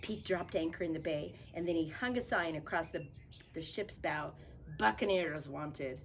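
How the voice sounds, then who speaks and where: This storybook reader's voice sits low and moves at normal speed as she playfully reads a picture book aloud to kids. She drops in chatty, folksy remarks with casual grammar, and there's a faint hiss or hum.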